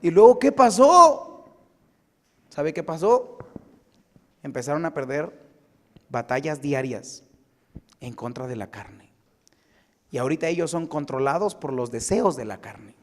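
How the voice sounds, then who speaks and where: A pastor, telling a personal story in his sermon and building to emphatic exhortation. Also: mid-range voice. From United States. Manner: lively anecdotal preaching, building to emphatic exhortation. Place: church sanctuary. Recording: long church-hall reverb.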